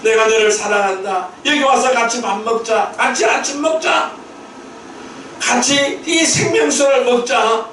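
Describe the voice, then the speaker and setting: A man pastor quoting a gentle, forgiving Lord calling a failed disciple, in a tender, slow, inviting voice, recorded in a church sanctuary. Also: very high voice, slight background noise, exaggerated voice. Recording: very echoey hall, mic at a distance.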